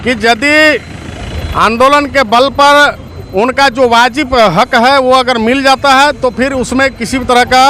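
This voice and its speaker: Loud traffic and vehicles roar behind a man with a Jharkhand accent, an activist and movement leader, interviewed outdoors at a road junction. Speaking earnestly as if giving a speech, he keeps a very high-pitched, steady tone and an unhurried pace, and the roadside recording is noisy.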